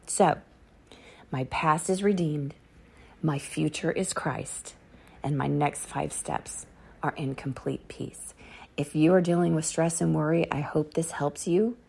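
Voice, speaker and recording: Low, gravelly-voiced woman giving testimony. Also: unhurried, dark tone. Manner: earnest, repeats key phrases for emphasis. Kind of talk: personal faith testimony. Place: outdoors on a dark autumn morning.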